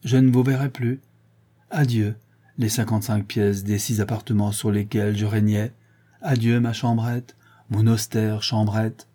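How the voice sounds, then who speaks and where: A man reading a cocky, playful gentleman burglar with theatrical, mocking flourishes. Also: medium pitch, normal speed, husky, close to an everyday voice. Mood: gloating.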